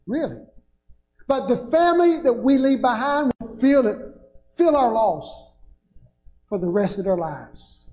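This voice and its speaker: Speaking through a pulpit microphone in an echoey church sanctuary, an older man preaches in a very high-pitched, slightly mellow voice. This pastor's sermon swells into rising, emphatic bursts.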